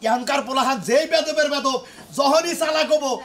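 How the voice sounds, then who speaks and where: A man's voice: extremely high pitch, fairly even intonation, brisk. A man playing a fussy father. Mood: boastful. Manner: scolding and boastful.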